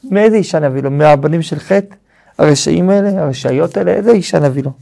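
A man's voice: a little high, creaky, mellow. A man voicing Rebecca, an anxious mother, speaking with urgency and pleading. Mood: worried.

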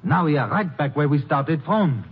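An actor playing an excitable, scheming French newspaper man with a French accent and a flustered, halting delivery in a radio drama. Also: fairly high pitch, natural voice. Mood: excited, flustered. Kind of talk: 1950s radio drama acting. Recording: tinny, faintly noisy old radio recording.

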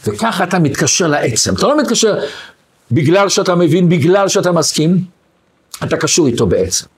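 A man's voice: high voice, breathy edge. A man, a rabbi, giving a Torah lesson full of stories, acting out the voices of the people in them. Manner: animated storyteller who acts out quoted voices.

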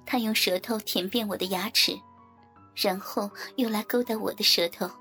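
A woman narrating an erotic audiobook in the first person, reading in a soft, even, intimate way. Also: mid-range voice, normal speed, soft background music.

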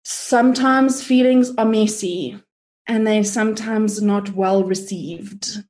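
A woman speaks as an interview guest, her voice sitting at an ordinary middle pitch. She is chatty and animated, and she keeps voicing her own inner thoughts as she goes. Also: slow pace. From South Africa. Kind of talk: casual conversational interview.

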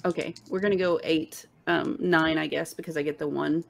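A woman's voice: sits low, fairly even intonation, normal speed, gravelly. A woman playing a tabletop role-playing game, chatty and matter-of-fact as she asks about the scene and rolls dice. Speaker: player. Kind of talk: casual tabletop game play.

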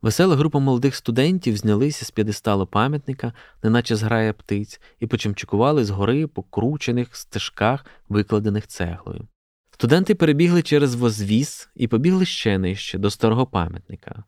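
A man, a journalist, reading a classic prose excerpt aloud in a steady, measured way. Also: medium pitch, no echo, studio quality.

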